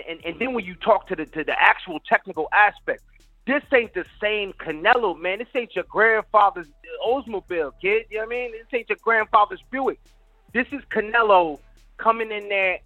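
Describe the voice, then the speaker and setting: A man's voice: high voice, no room sound, narrow, tinny audio. A man talking boxing in casual street slang, hyping things up and addressing the listener like a buddy.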